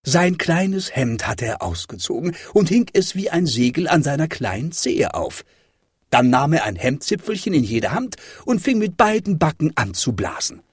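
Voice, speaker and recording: A man reading a children's fairy tale aloud with expressive, dramatic delivery. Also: a little high, moderate pace, husky, no room sound, clean studio sound. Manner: lively, dramatic rises and falls. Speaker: storyteller.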